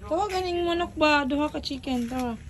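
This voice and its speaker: A woman's voice: sits high, fairly quick, a little hiss or hum, rough recording. A young woman, a mother filming her child, talking in a playful, coaxing singsong and mixing in English words. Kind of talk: casual home video chat with a child.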